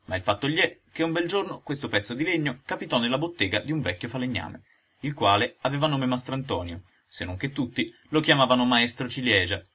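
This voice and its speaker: A man reading a classic children's story aloud as an expressive audiobook narrator. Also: medium pitch, husky.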